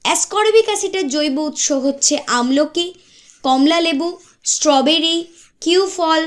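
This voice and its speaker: Woman with a high voice teaching gk facts, quizzes herself then answers, repeats stuff. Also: fairly bright tone. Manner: asks and answers her own questions, repeats key facts. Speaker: quiz teacher. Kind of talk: exam-prep lesson.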